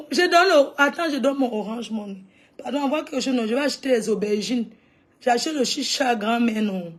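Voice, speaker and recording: A woman with a Cameroonian French accent chatting live with her viewers, animated and exclamatory, calling out to them again and again. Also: high-pitched. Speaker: live streamer. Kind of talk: casual livestream chat with viewers.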